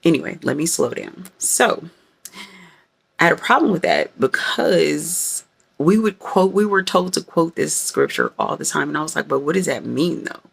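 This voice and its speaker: A woman's voice: sits low, normal speed, gravelly, breathy edge. A woman vlogger giving a casual, rambling faith talk straight to her viewers, dramatic by her own account. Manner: rambling and animated, self-described dramatic; talks to viewers directly, with frequent fillers.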